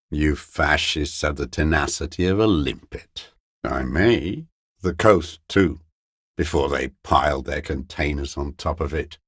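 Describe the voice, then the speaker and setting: An actor playing an embittered old communist deserter in a video game, with a gravelly voice and a slow, contemptuous delivery. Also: male voice, rumbling low, a bit bright, no room sound, studio quality, exaggerated voice. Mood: scornful. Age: older. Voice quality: gravelly, creaky. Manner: slow, contemptuous, bitter invective. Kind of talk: dramatic video game voice acting.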